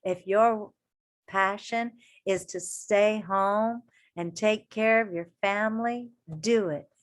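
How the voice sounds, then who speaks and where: In a mid-range voice, this woman reads a children's story like a grade-school teacher. Her delivery is expressive and deliberate, broken by pauses where she speaks directly to the kids with questions and encouraging words.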